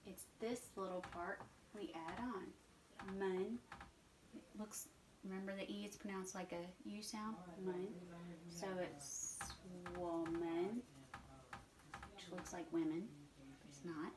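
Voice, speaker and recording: A woman teaches a beginner language class from her home, speaking slowly and patiently and repeating each word so students can follow. Her voice sits a little away from the mic in an echoey room, with faint home ambience behind her. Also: medium pitch, distant mic, background noise. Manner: patient, slow and repetitive, drills words aloud. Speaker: Mandarin teacher. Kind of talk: informal online language lesson.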